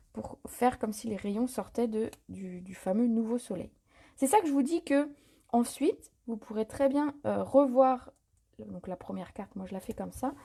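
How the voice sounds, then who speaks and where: A woman with a fairly high, husky and mellow voice leads a live card-making tutorial. She chats loosely as she works, full of little fillers and self-corrections, sounding unscripted and at ease. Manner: chatty and relaxed, many fillers and self-corrections. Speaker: craft demonstrator hosting a live stream. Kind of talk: live paper-craft tutorial, improvised chat.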